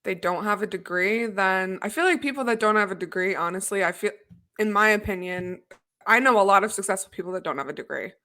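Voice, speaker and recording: Young woman, co-host, chatty, sarcastic, video call, bright voice. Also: medium pitch, a little fast. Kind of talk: casual podcast chat. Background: faint music.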